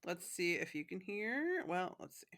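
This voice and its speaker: A woman from Michigan hosting a podcast in casual chat, talkative and quick to laugh, with plenty of fillers. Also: lowish voice, very animated, very noisy. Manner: chatty, laughs often, many fillers. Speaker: podcast host.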